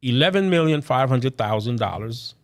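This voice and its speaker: A man's voice: mid-range voice, animated, moderate pace. A man from Guyana raised in Brooklyn, a city council member talking earnestly in an interview and often tagging "right?". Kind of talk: casual interview talk.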